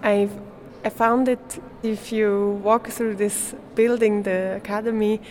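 A young Swiss woman, a guest artist whose native language is German, answers interview questions in English at a slow pace. Her medium-pitched voice is flat, and she often hesitates over words and laughs lightly.

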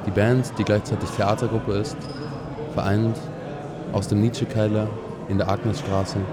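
A man's voice: on the low side, little pitch movement, normal speed. A man hosting a student radio broadcast live, announcing in a dry, wry way with improvised asides. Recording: loud crowd noise behind. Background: crowd chatter.

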